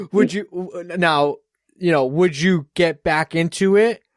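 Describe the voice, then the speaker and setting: A man's voice: high-pitched, lively intonation, slow pace, no echo, studio quality. A man with a Boston accent hosting a podcast, rambling in casual chat and swearing freely. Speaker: podcast host.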